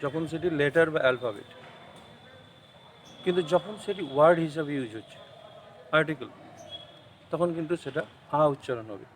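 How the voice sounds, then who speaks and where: A man with a Bengali accent teaching an English poem in an online class, explaining slowly and switching between English and Bengali. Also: fairly high pitch, a little hiss or hum, poor audio. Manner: slow, deliberate explaining, mixing English with Bengali.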